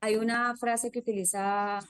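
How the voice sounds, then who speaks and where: A woman's voice: fairly high pitch, flat delivery, moderate pace, clean tone, no room sound. A woman, a parenting guest explaining thoughtfully and listing examples. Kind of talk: interview answers.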